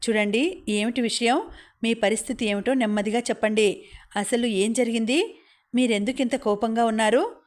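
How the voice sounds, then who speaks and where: A woman voicing a young man who reasons calmly and soothingly. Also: on the high side, moderate pace, close to an everyday voice. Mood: reasoning.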